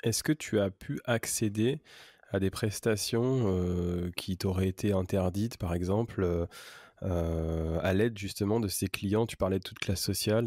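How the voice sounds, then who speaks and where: Deep voiced podcast host asking a long question, bit hesitant, dry sound. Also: male voice, a little mellow, dry recording. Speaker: interviewer.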